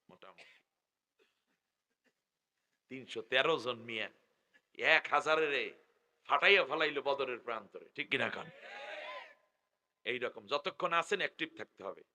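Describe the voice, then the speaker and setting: A middle-aged man with a Bangladeshi Bengali accent, preaching loudly through a stage microphone at a public gathering, joking with the crowd and drawing out his call phrases. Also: medium pitch, lively intonation. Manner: loud, joking, drawn-out chanting of call phrases. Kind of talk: live sermon with crowd call-and-response. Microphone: stage microphone through loudspeakers.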